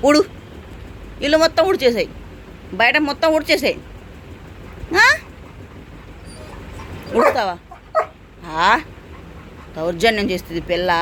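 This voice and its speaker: A woman with a high voice chats to her pet dog at home. She teases and scolds it the way one talks to a small child. Faint noise sits behind her. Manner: coaxing, teasing scolding as if to a child. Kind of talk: casual talk to a pet and to viewers.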